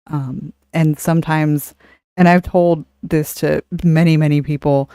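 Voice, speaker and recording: Low-voiced woman cohost, slow and earnest, smooth clear voice, dry close sound. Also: a little mellow, dry recording. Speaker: podcast co-host. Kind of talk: casual chat.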